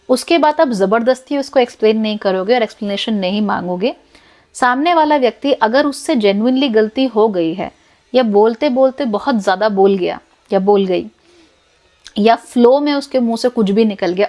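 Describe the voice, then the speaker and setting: A woman's voice: on the high side, darkish tone. A woman with an Indian accent giving direct advice to camera, firm and instructive, repeating her key points. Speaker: life advice host.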